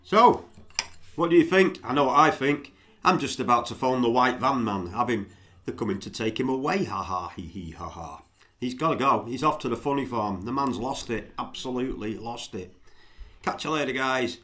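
A man's voice: mid-range voice, moderate pace, fairly bright tone. A man, hosting a comedy vlog, rambling and stammering as he mocks clips for his viewers. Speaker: vlogger host. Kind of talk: mocking commentary to viewers.

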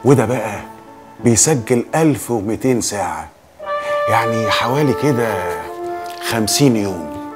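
Brief: actor as an Egyptian gadget dealer, fawning patter, music under it. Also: male voice, lowish voice, lively intonation, moderate pace, long pauses, lightly acted. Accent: Egyptian Arabic. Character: eager male electronics dealer.

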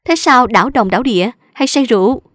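Một phụ nữ giả giọng cô vợ quê hốt hoảng. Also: female voice, a little high, animated, fast, no echo, lightly acted. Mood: flustered fussing. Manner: flustered, fussing. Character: young rural wife, flustered and scolding.

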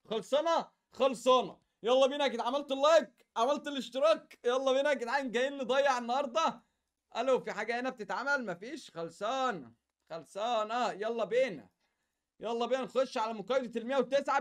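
A young man with an Egyptian Arabic accent doing casual, slangy gaming commentary in an excitable, repetitive way. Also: very high-pitched. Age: young adult. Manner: excitable, slangy, chatty, repeats phrases. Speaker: gaming YouTuber.

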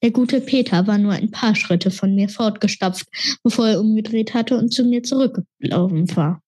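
A woman reading a children's fantasy novel aloud in a steady, expressive storytelling manner. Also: medium pitch, moderate pace, breathy edge. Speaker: reader.

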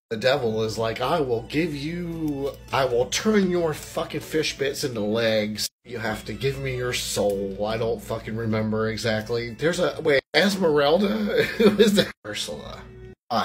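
A man's voice: mid-range voice, a bit bright. A man hosting a crude comedic movie recap, rambling and profane, laughing at himself as he goes. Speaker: comedy video host. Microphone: handheld recording with VHS box in hand.

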